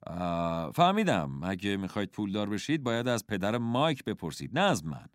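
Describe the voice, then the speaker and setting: A man voicing a calm, kindly father who is a schoolteacher, speaking gently and encouragingly in a storybook reading. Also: lowish voice, dry recording, studio quality. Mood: gentle encouraging.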